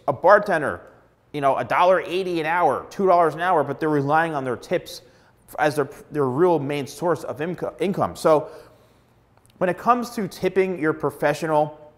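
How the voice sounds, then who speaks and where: A middle-aged man, a hairstylist, giving blunt, emphatic advice straight to camera on a lapel mic. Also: fairly high pitch. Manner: emphatic, blunt, repeats words for stress. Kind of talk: direct-to-camera advice vlog. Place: plain studio backdrop indoors.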